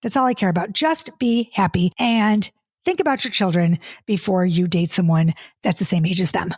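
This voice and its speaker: On her casual solo podcast, a podcast host and dating coach in her 50s reads listener comments aloud and answers them, chatty and exasperated, stumbling through restarts. Her voice is on the low side at normal speed, captured in a dry, studio-quality recording.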